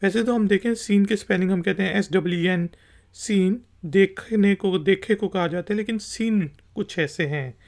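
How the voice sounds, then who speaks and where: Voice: mid-range voice, moderate pace, vocal fry, darkish tone. A language teacher from Pakistan giving a patient lesson, spelling each word letter by letter and repeating it. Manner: patient and repetitive. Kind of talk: explanatory lesson.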